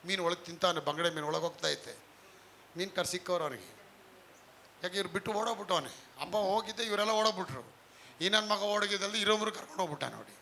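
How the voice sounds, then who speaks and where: A man's voice: sits high, fast talker, vocal fry, bright, forceful tone, slight background noise. A male pastor preaching a live sermon, emphatic, often asking the congregation questions.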